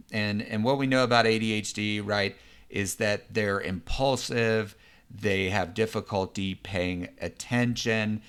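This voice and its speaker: A man with a lowish, bright and forceful voice, explaining things the way a psychologist teaches a class. He talks conversationally, with loose fillers and frequent checks that the listener is following. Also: clean tone. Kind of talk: explanatory lesson.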